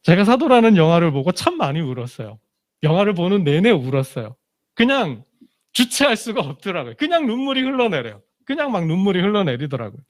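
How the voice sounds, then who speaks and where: A man preaching a Sunday sermon as pastor, in a conversational style full of rhetorical questions, his voice dropping low and soft at emotional points. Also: sing-song, a little fast. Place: church sanctuary.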